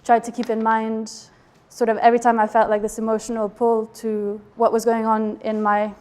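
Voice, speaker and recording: A woman with a hard-to-place accent that blends English and French gives a thoughtful artist talk. Her voice sits slightly high and stays fairly level, with little rise and fall. She pauses often and fills the gaps with soft ums as she reflects. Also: monotone. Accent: indeterminate mix of English and French. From Geneva border area, Switzerland/France. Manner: hesitant, many ums, reflective. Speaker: photographer presenting her residency project.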